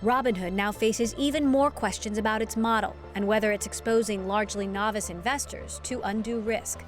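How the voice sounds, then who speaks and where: A woman hosting a business interview, asking questions and narrating the introduction in a crisp, scripted way. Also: medium pitch, steady tone, normal speed, faint music behind. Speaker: host.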